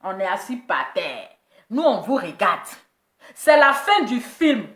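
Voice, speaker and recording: A woman's voice: mid-range voice, very animated, slow, a bit bright, roomy sound. A woman giving mocking gossip commentary, teasing and laughing as she repeats her jabs. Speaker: commentator reacting to celebrity gossip.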